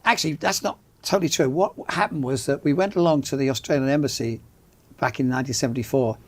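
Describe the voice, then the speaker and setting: A man's voice: medium pitch, fast talker. An older man with an English accent, a journalist guest in a studio interview, telling stories in a genial, dryly humorous way. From England. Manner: genial storyteller, dry humor. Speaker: guest, magazine founder and journalist. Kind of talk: casual interview chat.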